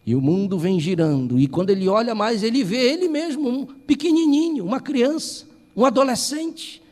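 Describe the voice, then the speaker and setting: A male pastor from Brazil telling a story in a Sunday school sermon, building from hushed narration to impassioned preaching. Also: very high-pitched, lively intonation, moderate pace, in a large hall.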